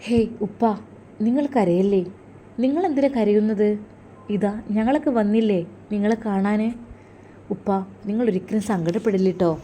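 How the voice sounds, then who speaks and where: Woman voicing a gentle young man from Malappuram. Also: medium pitch, normal speed, pauses often, slight background noise, natural voice. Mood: reassuring. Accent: Malappuram Malayalam. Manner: gentle, reassuring, pleading. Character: kind young man comforting a sick elder. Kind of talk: storytelling role-play.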